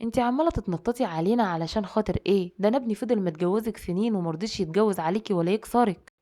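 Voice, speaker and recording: A woman's voice: medium pitch, racing, dark tone, close to an everyday voice. A woman voicing a blunt, scolding older mother-in-law with an Egyptian Arabic accent, lecturing at length.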